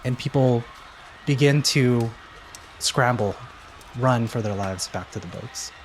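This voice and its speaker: A man narrating a tabletop game as game master, with many pauses and fillers. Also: mid-range voice, slight background noise. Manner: hesitant, filler-heavy narration.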